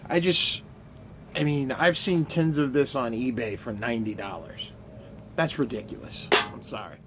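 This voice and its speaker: A man in his fifties chatting casually and unhurriedly, with pauses, as he smokes a pipe that is often in his mouth. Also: medium pitch. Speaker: pipe tobacco reviewer. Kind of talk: casual vlog chat. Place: outdoors by a house with trees. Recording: clear outdoor ambient noise.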